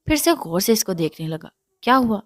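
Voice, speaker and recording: A woman narrating a romance novel in a steady, even storytelling manner. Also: on the low side, no echo, clean studio sound. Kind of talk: reading a romance novel aloud.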